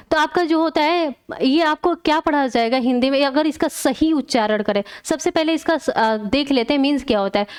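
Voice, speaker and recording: A woman teacher explaining exam questions step by step, checking in often with her class. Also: high-pitched.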